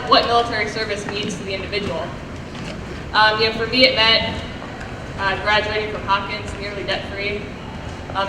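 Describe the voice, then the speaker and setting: A woman in her thirties giving an appreciation speech to an audience as a guest, hesitant with many ums and you-knows. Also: medium pitch. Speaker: military veteran, guest speaker. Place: large echoing sports venue, public address. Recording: noisy echoey hall, distant PA microphone.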